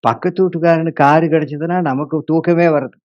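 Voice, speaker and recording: A male pastor preaching a sermon, acting out his congregation's complaints in a lively way. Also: fairly high pitch, quick pace, highs cut off.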